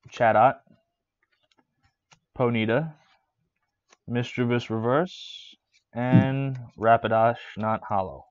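A man's voice: medium pitch, clean tone, no room sound, highs cut off. A man live-streaming as he opens trading card packs, chatting casually and listing card names with fillers and restarts.

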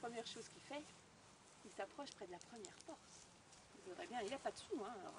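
Animated woman storyteller. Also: fairly high pitch, a little fast, vocal fry, noisy background. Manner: animated, addresses listeners directly. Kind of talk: live oral storytelling. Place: outdoors on a storytelling walk.

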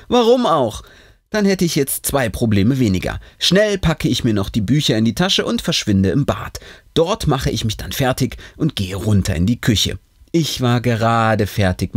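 Man reading a horror story, lively pitch, expressive, dry close sound. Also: no echo. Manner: expressive first-person reading. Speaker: story reader.

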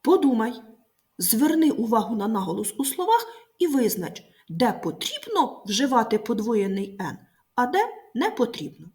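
A woman teacher giving a recorded grammar lesson to pupils, speaking clearly and slowly, stressing each word. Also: on the high side, big pitch swings, darkish tone.

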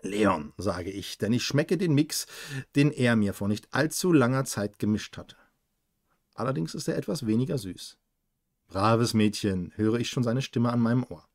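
A man's voice: mid-range voice, lively intonation, moderate pace, a little mellow, no room sound, studio quality. A man co-hosting a livestream, reading a novel aloud with small stumbles and self-corrections.

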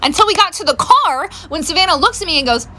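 Lively bright-voiced woman telling stories. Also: very high-pitched, fast, slight background noise. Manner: animated, laughing, acts out quotes. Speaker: storyteller. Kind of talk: casual story time narration.

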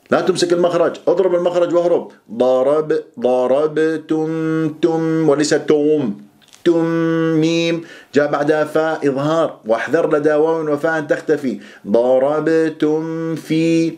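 A man's voice: medium pitch, a little mellow. A man teaching Quran pronunciation, stretching out sounds to demonstrate them and firmly correcting common mistakes. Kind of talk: pronunciation lesson.

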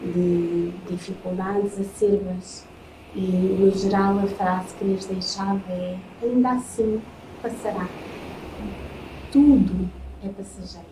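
A woman with a European Portuguese accent giving a spiritist lecture, reading from slides in slow, measured phrases with solemn pauses. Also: medium pitch. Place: lecture room in front of a projected slide. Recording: echoey room, faint noise.

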